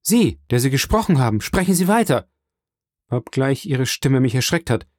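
A man's voice: mid-range voice, very animated, moderate pace, a little mellow, no echo, studio quality, voice pushed up, close to an everyday voice. A man voicing a desperate young male prisoner who speaks in a pleading, fervent way. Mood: eager.

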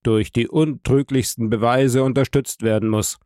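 In a dry, clean studio recording, a man voices a commanding male court president in an audiobook, sounding stern, formal and demanding. His mid-range voice is fairly even, a little mellow, close to an everyday voice, and at normal speed.

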